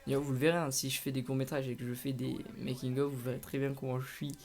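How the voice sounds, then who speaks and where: A man's voice: medium pitch, little pitch movement, fast, darkish tone. A young man chatting casually over his gameplay, rambling with lots of hesitations and restarts. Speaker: gaming channel host.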